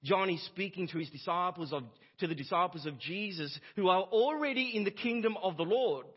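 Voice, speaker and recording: A pastor preaching a sermon, stressing key lines with rhetorical questions and repeating them for emphasis. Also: male voice, sits high, expressive, brisk, husky. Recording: muffled lo-fi church sermon audio.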